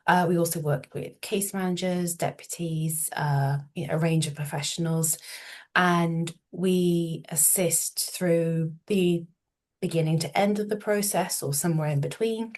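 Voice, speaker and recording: With a fairly low pitch and a slightly nasal sound from a cold, a solicitor with an English accent gives an informative talk. She is measured but often hesitates with ums and restarts.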